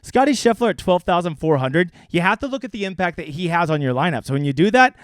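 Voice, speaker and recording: A man's voice: high-pitched, lively intonation, fast, no echo. A man casually breaking down fantasy golf picks on a livestream, crude and joking. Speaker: fantasy sports analyst.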